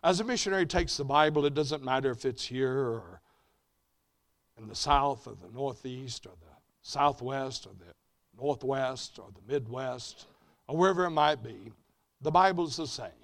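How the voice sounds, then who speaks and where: A man preaching a sermon at a mission conference, rising to loud emphatic peaks and then dropping low and quiet. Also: normal speed.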